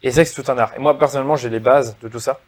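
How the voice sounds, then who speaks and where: A man hosting a casual conversational interview, asking questions and quickly chiming in with agreement. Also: mid-range voice, steady tone. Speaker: podcast host.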